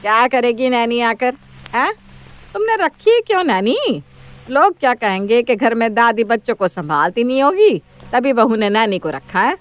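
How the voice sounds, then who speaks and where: A woman's voice: on the high side, big pitch swings, normal speed. A woman voicing a bossy, quarrelsome older mother-in-law in a cartoon story, taunting and scolding. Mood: scornful.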